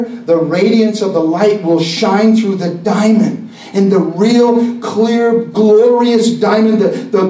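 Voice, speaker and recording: A pastor preaching an intense, impassioned sermon at a conference. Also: male voice, sits high, warm tone. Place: conference hall. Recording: echoey hall, mic at a distance.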